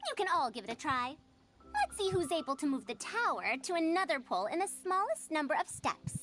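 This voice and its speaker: A woman's voice: sits high, sing-song, a little fast, noisy background. A woman playing a confident, teacherly young female scholar in an anime-style game. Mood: assured, challenging. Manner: teacherly, assured.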